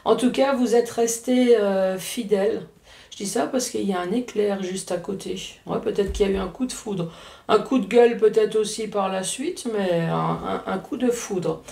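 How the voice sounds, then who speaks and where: A woman's voice: mid-range voice, normal speed, gravelly, dark tone, roomy sound. A woman with an Alsatian accent giving a casual tarot reading, chatty and joking, with frequent tag words. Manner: chatty, joking asides, frequent "hein" tags. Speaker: card reader.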